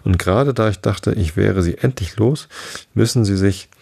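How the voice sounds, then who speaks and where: A man reading the part of a suspicious, complaining mother pigeon in a storybook, in his own low husky voice. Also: normal speed, dark tone, no echo. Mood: scolding. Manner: scolding, complaining, contemptuous. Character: shrill, suspicious female pigeon guarding her eggs. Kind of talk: audiobook reading of a classic tale.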